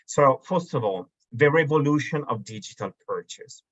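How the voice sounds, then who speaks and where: With an animated, medium-pitched, somewhat bright voice at normal speed, an Italian man in his thirties presents slides for a marketplace webinar. Hesitant, he fills gaps and restarts often, all over dull lo-fi video call sound.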